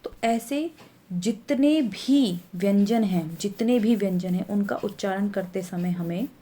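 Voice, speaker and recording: A woman's voice: medium pitch, a little slow, dark tone. A woman teacher patiently explaining letters to young pupils, repeating herself and correcting small slips. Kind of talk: Hindi grammar lesson for young pupils.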